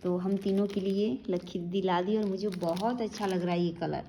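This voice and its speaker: A woman's voice: medium pitch, steady tone, moderate pace, mellow, reverberant, a little hiss or hum. A young woman chatting casually to her viewers in a rambling family vlog at home. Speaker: family vlogger.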